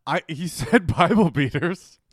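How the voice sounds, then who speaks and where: A man's voice: fairly high pitch, lively intonation, a little slow, breathy edge, dry recording, studio quality. A young man co-hosting a casual podcast, teasing and cutting in on his partner's stories. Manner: teasing, heckling interrupter. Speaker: podcast co-host.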